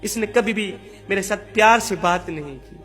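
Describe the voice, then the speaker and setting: A man's voice: sits high, fairly bright tone, soft background music. A man voicing a grieving, mistreated young wife who pleads tearfully and repeats herself. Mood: pleading.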